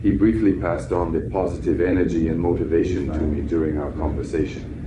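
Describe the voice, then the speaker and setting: A man in his sixties from Kazakhstan, answering interview questions in a measured, solemn and self-assured way. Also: low-pitched. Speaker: interviewee, founder of a healing teaching. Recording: steady background noise.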